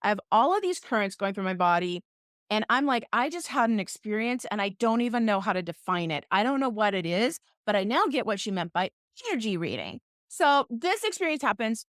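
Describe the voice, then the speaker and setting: A woman's voice: mid-range voice, very animated, brisk, fairly bright tone, dry recording, studio quality. A woman hosting a podcast, telling a story in a playful, self-mocking, casual way. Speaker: podcast host.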